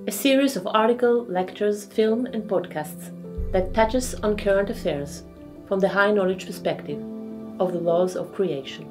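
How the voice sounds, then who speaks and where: Woman lecturer, mid-pitched voice, measured didactic scripted narration, faint music behind. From Israel.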